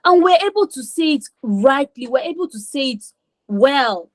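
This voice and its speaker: Woman, teen confidence coach, higher voice, emphatic and repetitive, dry sound. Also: animated, normal speed, dry recording. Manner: repeats for emphasis, acts out kids' voices. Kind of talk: online class teaching.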